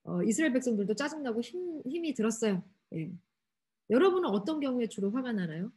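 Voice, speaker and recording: Husky woman preaching to teens. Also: on the high side, sing-song, fast, warm tone. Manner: asks the audience many questions, acts out quotes animatedly. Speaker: youth pastor. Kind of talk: sermon to teenagers. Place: church hall.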